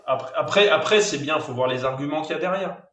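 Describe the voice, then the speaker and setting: Halting man, distant and echoey. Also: a little high, a crowd in the background. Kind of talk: casual online debate. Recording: roomy echo, distant mic, faint noise.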